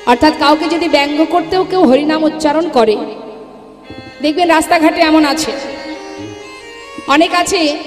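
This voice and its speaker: A woman's voice: high voice, moderate pace, pauses often. A woman kirtan singer who chants devotional refrains and then preaches to a live gathering, calling her listeners baba and ma. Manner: scolds chatting audience. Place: live religious gathering with seats for the audience. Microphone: through a sound system. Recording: echoey hall with long reverb, music behind.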